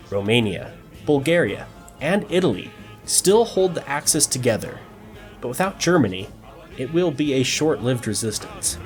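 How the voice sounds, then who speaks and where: Male narrator, mid pitch, animated delivery, mock-epic with deadpan asides, faint music underneath. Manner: mock-dramatic storyteller, dry jokes. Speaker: strategy game video narrator. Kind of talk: scripted game narration with wry asides.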